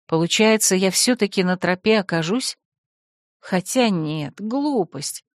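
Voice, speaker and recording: A woman narrating a fantasy audiobook in first person, with a wry, lively storytelling manner. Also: mid-range voice, measured pace, no echo, clean studio sound.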